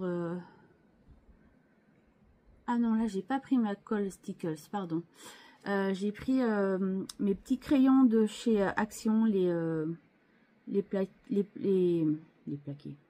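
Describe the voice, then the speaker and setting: Woman, casual craft show-and-tell, slow pace, mellow voice, hesitant with restarts. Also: mid-range voice. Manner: hesitant, many fillers and restarts, chatty asides to viewers. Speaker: scrapbooking channel host.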